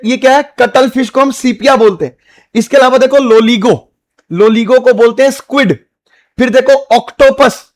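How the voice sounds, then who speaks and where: A man teaching biology for exam prep in speech, repeating key points, checking that students follow, and using playful memory tricks. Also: high voice. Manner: repetitive, checks understanding, playful mnemonics.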